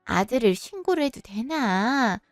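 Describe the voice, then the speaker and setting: A woman voicing a shrill, flustered old mother. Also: very animated, unhurried, no echo, studio quality, soft background music. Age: older. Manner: flustered, scolding.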